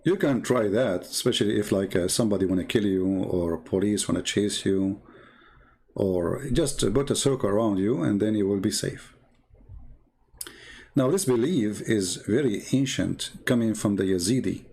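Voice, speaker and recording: Over shortwave radio, a man who speaks English as a second language hosts a religious commentary, explaining informally with emphatic, didactic repetition. His voice is fairly low and darkish with a breathy edge, at a moderate pace.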